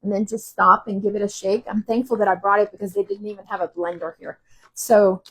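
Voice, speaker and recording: A woman talks through a kitchen recipe in a loose, rambling way, filling pauses with ums. Her voice is slightly husky and sits at an ordinary middle pitch. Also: flat delivery, a bit bright. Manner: chatty, rambling, many ums. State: teary from cutting shallots. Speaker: cooking channel host. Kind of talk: casual cooking demo. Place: kitchen while traveling.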